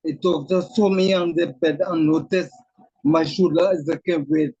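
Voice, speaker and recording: A man's voice: a little high, fairly even intonation, normal speed, mellow, slightly rough, no room sound. A man with a voice that shakes from a throat tremor, earnestly telling his personal story as a guest over a video call. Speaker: author guest. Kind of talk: personal testimony in an interview. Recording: muffled lo-fi call audio.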